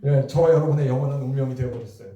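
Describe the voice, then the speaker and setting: A middle-aged man preaching a revival sermon as pastor, lively and asking the congregation questions. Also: medium pitch, rapid-fire, heavy reverb, distant mic, dull audio. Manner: lively, talks to the crowd with questions. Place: church hall.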